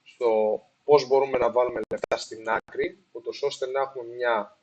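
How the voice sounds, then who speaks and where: A man talks through a casual explainer on investing, pausing with fillers and restarting his sentences. His voice is husky and his middle-pitched tone is plain. He often drops English phrases into his talk, and the recording is of poor quality. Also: steady tone, darkish tone, muffled recording. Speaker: investing video host. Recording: poor sound quality, apologized for.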